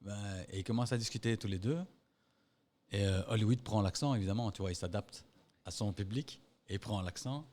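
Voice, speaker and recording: A man's voice: lowish voice, fairly quick, a little mellow. A man telling anecdotes in a loose, casual chat, swearing freely and imitating other people. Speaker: podcast co-host.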